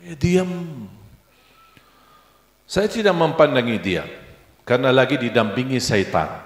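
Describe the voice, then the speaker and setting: Animated preaching man in an echoey hall. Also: mid-range voice, measured pace. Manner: animated, acts out dialogue in his stories. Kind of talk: sermon with storytelling. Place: large hall at an Islamic boarding school. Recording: echoey hall with long reverb.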